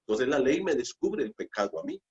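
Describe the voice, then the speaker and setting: Emphatic preacher with lively pitch. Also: male voice, a little fast, highs cut off. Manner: emphatic preaching with repetition and rhetorical questions. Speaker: pastor. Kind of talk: sermon at a Bible study.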